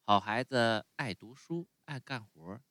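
A man voicing a gentle, motherly fairy woman in a calm, soft way of speaking. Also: mid-range voice, measured pace, no room sound.

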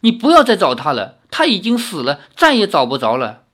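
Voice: mid-range voice, wildly swooping pitch, brisk, a bit bright. A narrator voicing a young girl who pleads tearfully with the hero in a read-aloud novel. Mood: grieving plea.

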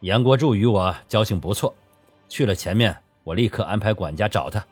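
Brief: man reading a calm, confident storybook merchant, low and husky. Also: a little fast, dry recording, faint music behind. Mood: reassuring. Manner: calm, self-assured. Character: confident powerful male merchant reassuring a friend.

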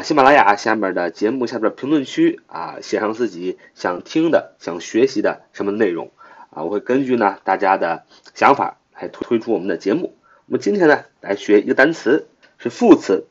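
A man hosts a vocabulary podcast, his pitch moving in a lively way. He repeats the word again and again and spells it letter by letter, with a filler sound between phrases. The recording sounds dull and lo-fi. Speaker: English vocabulary teacher, podcast host. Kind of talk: spoken vocabulary lesson. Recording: muffled lo-fi audio.

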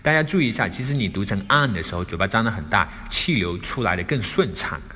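Guy teaching english phrases, low voice but bright and bouncy, a bit husky, long echo on it. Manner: lively, repeats phrases slowly for practice. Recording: long reverb.

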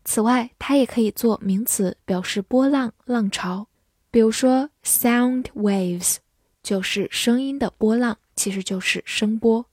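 A woman teaching vocabulary in an unhurried, measured voice. She spells words out letter by letter and reads example sentences slowly. The sound is close and dry, with no room around it. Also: a little high, darkish tone, dry recording. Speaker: English teacher. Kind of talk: vocabulary lesson.

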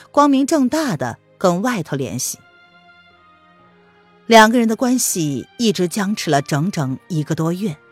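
Expressive woman narrating a novel. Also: lowish voice, no echo. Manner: expressive storytelling. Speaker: audiobook narrator.

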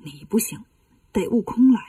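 A woman doing a soft-spoken fussy monk. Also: moderate pace, dry recording, far from the mic, lightly acted. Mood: mild. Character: gentle fussy male monk master.

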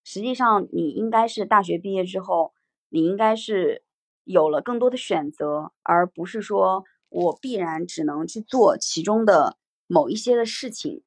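A woman's voice: medium pitch, moderate pace, no room sound. A woman hosting a casual livestream discussion, reflective, reading out viewer comments and musing on them. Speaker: podcast host.

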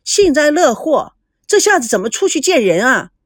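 A woman's voice: mid-range voice, expressive, normal speed, a little mellow, husky, no echo, clean studio sound. A woman narrator voicing a glib young man who jokes and teases, in a storybook reading. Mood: annoyed. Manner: glib, joking. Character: teasing, wisecracking young man.

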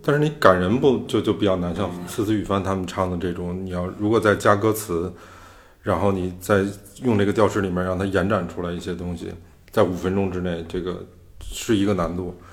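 A man's voice: sits low, fairly even intonation, fairly quick. A man hosting a podcast, explaining music theory in loose, casual talk. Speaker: podcast host. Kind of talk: casual chat.

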